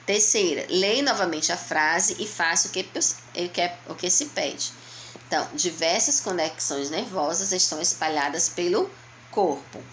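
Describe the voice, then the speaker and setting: A woman with a Brazilian Portuguese accent, a primary school teacher going slowly and patiently through a workbook for young children, asking and answering her own questions. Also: fairly low pitch, expressive, a bit bright, slight background noise. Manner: patient, slow, explaining step by step to young children. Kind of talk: remote lesson walking through a workbook.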